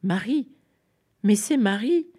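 A woman's voice: on the low side, moderate pace, dark tone, close to an everyday voice. A woman voicing a joyful, devout older woman who declares her words with solemn fervor, in a storybook reading. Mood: astonished.

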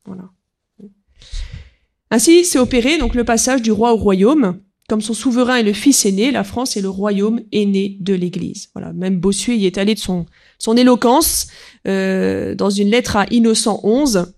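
A woman giving an unscripted history lecture, pausing often and filling gaps with small verbal tics while she reads quotes aloud. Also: mid-range voice, a little mellow. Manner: hesitant, peppered with "voilà" and "hein", reads quotes aloud.

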